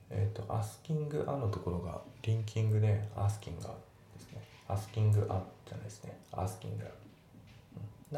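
A man teaching English, explaining sentence structure and pronunciation step by step in a calm, methodical way. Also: vocal fry. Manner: calm, methodical, steady explaining with many "で、" links. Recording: echoey room with faint rumble.

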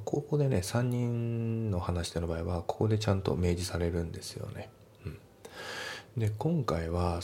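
A man explains English grammar and pronunciation like a teacher in a relaxed, chatty way, full of fillers. His voice sits very low with a gravelly edge. A faint hiss of noise runs under the recording.

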